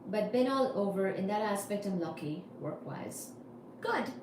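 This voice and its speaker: A woman's voice: mid-range voice, animated, a little slow. A woman from India hosting a casual livestream, answering chat comments with wry asides. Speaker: livestream host. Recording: echoey room with faint noise.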